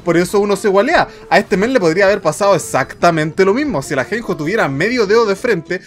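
A young man casting a strategy game replay in casual commentary, mock-solemn one moment and loudly disbelieving the next. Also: high voice, fast, soft background music. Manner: excitable, mock-solemn, swings into loud disbelief. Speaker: game caster.

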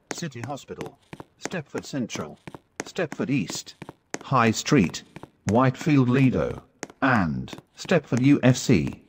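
A man playing an automated station announcer, reading formal subway-style platform announcements in segmented, list-like phrases. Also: mid-range voice. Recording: noisy station platform ambience. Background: vehicle and station noise.

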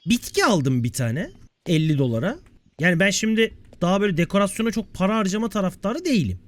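An excitable man talks through a management game in loose let's-play commentary. His voice sits high and leaps around in pitch, and he banters and curses at what happens on screen. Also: quick pace, no echo. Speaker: gameplay video creator.

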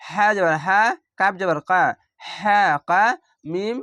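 A young man from Bangladesh with a Bangladeshi Bengali accent teaches Quran reading in a slow, spelled-out recitation lesson, spelling each word letter by letter and drawing out the recited words. His high voice is pushed and bright, with fairly even intonation at normal speed. Recorded close to the mic, the audio is lo-fi with no room sound.

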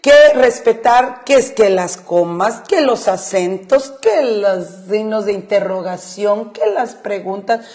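A woman co-hosts a faith-based marriage advice talk show on the radio, speaking at a slow pace with hardly any pauses in a medium-pitched, slightly mellow voice. She explains Bible verses emphatically and repeats her points. English fillers slip into her speech.

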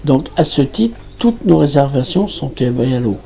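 Older man, mellow gravelly voice, hesitant interview answers. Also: mid-range voice, very animated. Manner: halting, many restarts and fillers. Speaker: campsite manager. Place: small indoor office.

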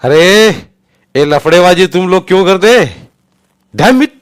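A man voicing a gruff, bossy middle-aged police officer who shouts his orders. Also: high voice, lively intonation, slow pace, voice pushed up. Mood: angry. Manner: shouting orders in Hindi-mixed speech.

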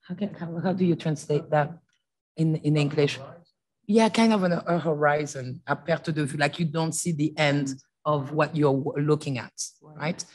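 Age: adult. Sex: woman. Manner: halting panel talk. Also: low voice, fairly even intonation, darkish tone. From France. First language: French. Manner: halting, many fillers and restarts. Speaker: panelist and author. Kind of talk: panel discussion before an audience. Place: lecture hall with audience.

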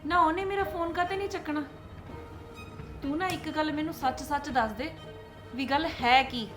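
A woman plays a protective middle-aged mother in a family drama, high-voiced, questioning closely. She sounds concerned and quick to defend her sister. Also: music in the background, close to an everyday voice. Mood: sharp. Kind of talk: Punjabi short film acting.

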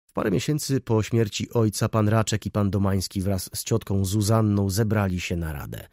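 A man narrating an audiobook with an expressive reading. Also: lowish voice, moderate pace, dry recording, clean studio sound. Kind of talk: scripted narration.

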